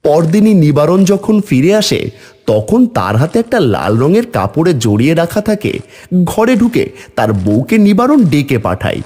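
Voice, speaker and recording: Husky man narrating a storybook cartoon. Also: fairly high pitch, huge pitch swings, moderate pace, dark tone.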